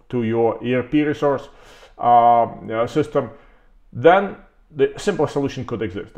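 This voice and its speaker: A man's voice: medium pitch, darkish tone, muffled recording. A man gives a conversational product talk from a webcam, stopping often to rephrase and repeating words for emphasis. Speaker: company representative presenting products.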